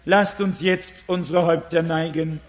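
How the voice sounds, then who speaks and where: A man's voice: fairly high pitch, steady tone, normal speed. A man preaching a revival sermon, fervently exhorting the congregation and leading them into prayer. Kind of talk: revival sermon with altar call.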